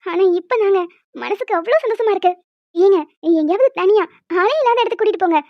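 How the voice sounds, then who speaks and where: A woman's voice: very high voice, fast, no room sound. A woman voicing an emotional young wife in a cartoon, earnest and heartfelt, near tears. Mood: overjoyed. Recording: dull dry sound.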